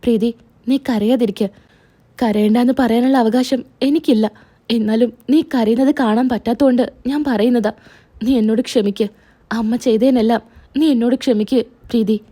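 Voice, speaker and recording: A woman's voice: on the high side, steady tone, moderate pace, warm tone, close to an everyday voice. A woman voicing a remorseful young husband who pleads with his wife and protects her. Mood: pleading.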